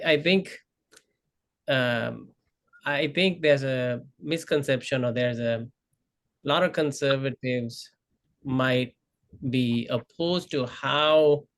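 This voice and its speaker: A man in his thirties, from Sri Lanka, giving a presentation over a video call, filling his sentences with frequent uh and um. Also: medium pitch. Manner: halting, many uh and um fillers. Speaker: guest speaker. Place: indoor room.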